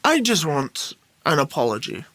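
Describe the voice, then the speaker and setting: A man playing a tabletop game, calmly stating what his character does and says. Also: fairly high pitch, normal speed, slight background noise. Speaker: player. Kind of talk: tabletop role-play.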